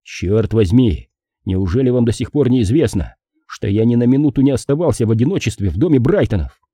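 A man's voice: medium pitch, lively intonation, a little fast, warm tone, husky, no echo. A man reading a dry, mocking detective. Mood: gruff, sardonic. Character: sardonic, hard-drinking male private detective.

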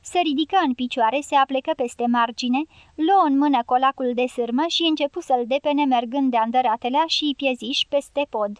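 A woman narrating a novel as an audiobook in a steady, measured way. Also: sits high, no echo. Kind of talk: scripted narration.

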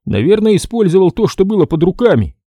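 A man's voice: high-pitched, very animated, fast talker, mellow, dry recording, voice pushed up. A man voicing an offended older man who owns an apartment and answers sulkily. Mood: aggrieved. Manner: sulky, offended.

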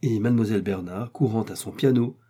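Husky, dark-voiced male narrator. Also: lowish voice. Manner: measured, expressive reading. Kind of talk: audiobook narration of a classic story.

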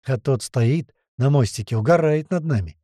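A man narrating an audiobook in the first person, with lively, slangy storytelling. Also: mid-range voice, moderate pace, dry recording, studio quality.

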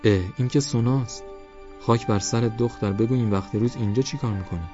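A man's voice: medium pitch, pitched above the performer's own voice, lightly acted. A man voicing an old village woman with a shaky voice, fussing and scolding. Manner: scolding, anxious. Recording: dull lo-fi audiobook with faint music.

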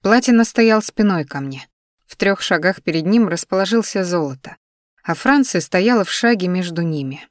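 A woman narrates a first-person story at an even, measured pace. Her voice sits fairly low and sounds close and dry, with no room echo.

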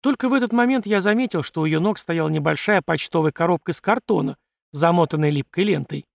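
A man narrating a first-person story as an audiobook reader, steady and measured. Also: on the high side, vocal fry, no room sound.

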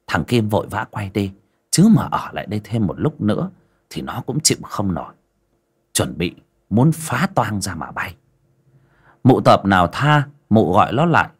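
A man narrating an audio story in a lively storytelling manner. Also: on the low side, slightly rough.

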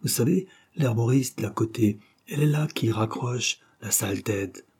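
A man's voice: mid-range voice, measured pace, a little mellow, husky. A man reading aloud and voicing a boastful, brash young art critic who chases women, in a mocking, raised voice.

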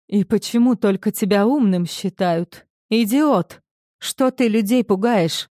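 A woman's voice: fairly low pitch, expressive, measured pace, gravelly, dark tone, dry recording, clean studio sound, exaggerated voice. A woman voicing a brash, scornful woman who barks and mocks. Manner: barking, mocking.

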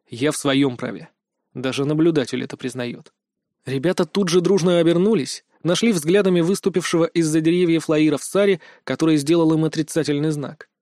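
A man reading a first-person fantasy audiobook in a calm, measured way on a close studio mic. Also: on the high side, no room sound. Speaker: audiobook narrator.

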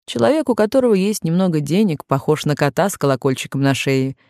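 A woman voicing a calm, wry middle-aged lawyer in an audiobook, speaking in a reassuring way. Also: sits low, fast talker, no room sound, clean studio sound.

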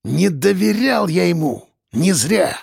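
A man voicing a gruff old village grandfather, a former hunter, with a wheezy, gravelly voice and folksy speech, in an audiobook. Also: high-pitched, lively intonation, takes it slowly, darkish tone, no room sound, clean studio sound, pitched above the performer's own voice, exaggerated voice. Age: older. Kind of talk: audiobook character voice.

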